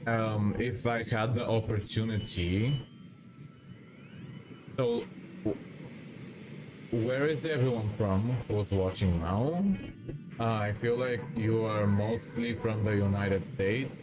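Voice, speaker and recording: Slow, hesitant man. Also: fairly low pitch, background noise. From Bulgaria. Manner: hesitant and rambling, reading chat aloud. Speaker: live streamer. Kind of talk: casual live-stream chat while gaming.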